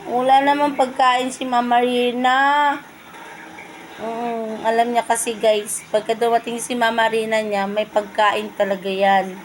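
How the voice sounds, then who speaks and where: A woman's voice: a little high, flat delivery, a little slow, a little hiss or hum, rough recording. A woman filming a casual vlog of her pets, calling and cooing to them by name. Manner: coos and calls to her pets. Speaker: pet vlogger.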